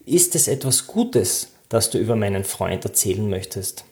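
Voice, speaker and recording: A man reading the part of a wise old male philosopher, who asks calm, patient questions. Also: lowish voice, moderate pace. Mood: calm questioning.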